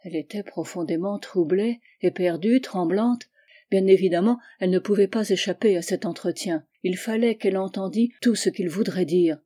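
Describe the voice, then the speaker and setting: A woman narrating a novel as an audiobook in a measured, even storytelling manner. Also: medium pitch.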